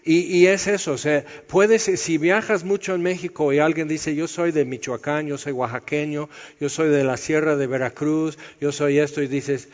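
Higher-voiced preacher in a reverberant hall. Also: male voice, fairly even intonation, normal speed, hardly any pauses. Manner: conversational teaching, explaining verse by verse. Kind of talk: sermon. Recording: dull sound with long hall reverb.

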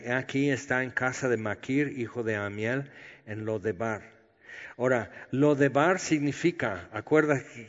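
A man preaching a conversational sermon, explaining scripture and acting out its dialogue. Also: medium pitch. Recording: dull, long-reverb hall sound.

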